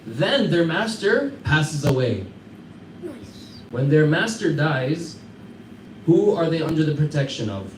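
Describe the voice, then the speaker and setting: American man, fairly high voice, classroom storyteller, roomy echo, mic a way off, faint hum behind. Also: big pitch swings, slow pace. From United States. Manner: conversational, quizzes listeners, chuckles through anecdotes. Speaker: teacher. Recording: echoey room, mic far off, faint background hum.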